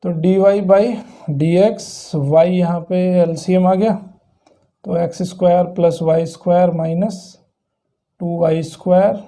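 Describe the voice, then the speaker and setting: High-voiced man teaching math step by step. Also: steady tone, a little slow, dark tone. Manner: explains step by step, asks and answers own questions. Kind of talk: classroom lecture.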